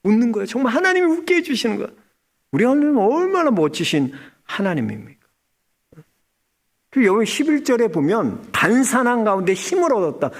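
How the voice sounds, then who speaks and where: A male pastor preaching a sermon in a conversational, animated way. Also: very high voice, a little fast.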